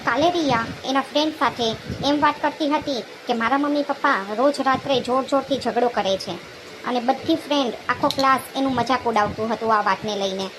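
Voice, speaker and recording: A woman voicing a concerned male schoolteacher in a cartoon, calm and advising. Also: high voice, fairly quick, close to an everyday voice. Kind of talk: cartoon voice acting. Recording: noisy background hiss.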